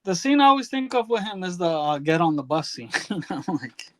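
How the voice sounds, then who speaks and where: A man on a podcast in casual chat, telling a story in a rambling, halting way. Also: high voice, very animated, fairly bright tone, no echo. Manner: rambling, halting, many fillers and restarts.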